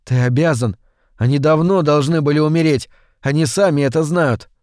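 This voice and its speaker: A mysterious hooded boy speaks calmly and grimly, urging without emotion, as a male narrator voices him. The sound is close and dry. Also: fairly high pitch, normal speed, no room sound, lightly acted.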